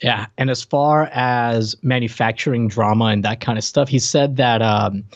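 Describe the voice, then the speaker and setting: A podcast co-host with a mid-range voice speaks at normal speed, chatting casually and wryly joking about a show. The audio is roomy, slightly dull and lo-fi.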